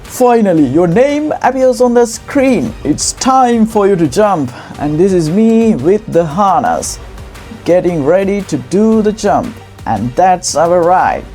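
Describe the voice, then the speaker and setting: Informal vlog narrator, mid-pitched, explaining step by step over clear music. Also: very animated, slow, mellow. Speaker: vlogger.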